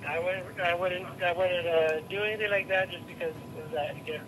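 A man's voice: high-pitched, steady tone, fairly quick. A man answering a work phone call as a store employee, polite and hesitant in a casual way. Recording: phone speakerphone, busy background chatter.

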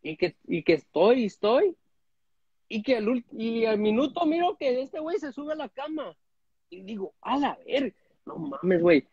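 Rambling man with a husky voice. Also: very high voice, big pitch swings, normal speed, darkish tone, dry recording. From United States. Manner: crude, rambling, many restarts. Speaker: guest caller on a live stream. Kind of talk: casual chat. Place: indoor room at home. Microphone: phone front camera at arm's length. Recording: dull lo-fi phone audio.

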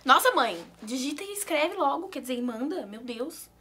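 A woman's voice: high voice, lively intonation, normal speed, sharp tone, a little hiss or hum. A young woman with a Brazilian accent chatting nervously and giggling through a prank video. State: anxious. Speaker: YouTuber pranking her mother. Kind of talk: casual prank vlog chat.

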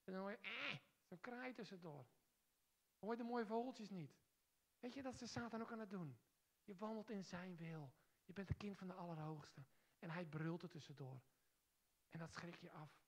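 A woman preaching in a church, her voice sitting fairly low for a woman. She drives key lines home with loud, emphatic force, then drops to a quiet, hushed tone as she leads the congregation in prayer. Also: moderate pace. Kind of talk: sermon and spoken prayer.

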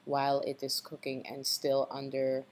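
Low-pitched female cooking host, patient step-by-step recipe voice-over. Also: completely flat delivery, normal speed, a little mellow. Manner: instructive, repeats tips with a checking "okay?".

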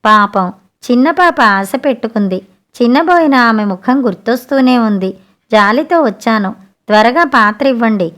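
A woman's voice: fairly high pitch, lively intonation, moderate pace, fairly bright tone. A woman reading a storybook, voicing a greedy, scheming male merchant. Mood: hurried. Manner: pleading and wailing in turns. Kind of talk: storybook narration.

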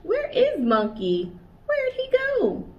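Her pitch is very high and swoops wildly as she takes her time, reading a picture book to children in a playful, sing-song style. She's a young adult children's librarian from the United States in a small indoor room, captured on a slightly distant, dull recording with faint hiss.

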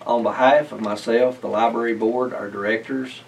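A middle-aged man reads a children's story aloud as a storybook narrator, his gravelly, medium-pitched voice holding a steady tone at a moderate pace. He is indoors in a library lined with bookshelves, picked up by a slightly distant mic with faint room noise.

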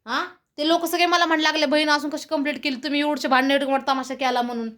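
A woman's voice: high voice, fairly even intonation, very fast, a bit bright. A woman vlogger scolding and complaining bitterly during a family quarrel, repeating herself.

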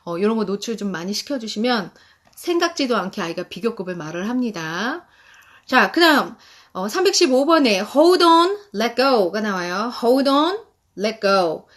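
A woman in her thirties with a voice on the high side hosts a live-stream guide for parents. She talks animatedly and reads English phrases slowly.

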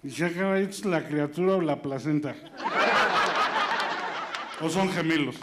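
A man's voice: a little high, a little slow, noisy background, close to an everyday voice. A man voicing a stammering, bewildered male pediatrician, with a Mexican accent. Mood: baffled. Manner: stuttering, exclaiming. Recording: live stage with loud crowd and music.

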